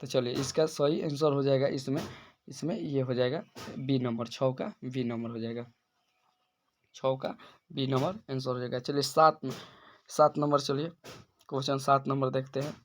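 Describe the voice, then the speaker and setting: A man's voice: mid-range voice, fairly even intonation, normal speed, long pauses. A male teacher working through exam questions one by one, repeating and restarting phrases as he explains each answer. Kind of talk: exam-prep lesson.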